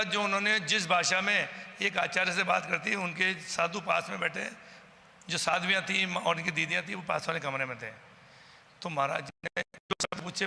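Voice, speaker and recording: Gravelly man recounting an incident. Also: high-pitched, bright, forceful tone, long reverb tail. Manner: agitated storytelling, acting out the quoted exchanges. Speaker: eyewitness from the local community. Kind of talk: personal account to a news camera.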